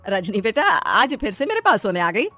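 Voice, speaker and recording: A woman's voice: mid-range voice, sing-song, normal speed, pushed and bright, faint music behind. A woman voicing a kindly, indulgent mother-in-law in a comic skit, soothing and reassuring. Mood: gentle.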